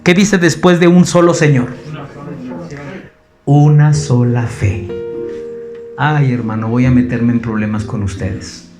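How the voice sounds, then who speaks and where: High-voiced Mexican preacher over guitar. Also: male voice. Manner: animated, addresses listeners as brother. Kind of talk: sermon. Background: guitar music.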